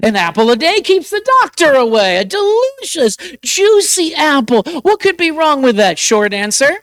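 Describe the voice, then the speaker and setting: Male preacher, animated sermon delivery, dry close sound. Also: extremely high pitch, moderate pace, dry recording. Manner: animated, rhetorical questions, repeats words.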